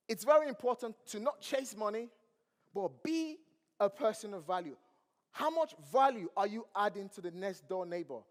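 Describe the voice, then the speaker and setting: Hyping up a crowd in a big, echoey event hall, a Nigerian motivational speaker with a fairly high voice preaches and fires off lots of questions to the audience. English is not his first language. It's a motivational stage speech with long hall reverb.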